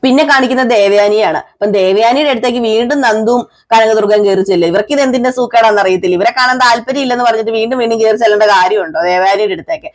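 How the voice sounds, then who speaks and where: A woman's voice: a little high, fast talker, hardly any pauses. A woman reviewer casually retelling a TV serial episode in a chatty, conversational way.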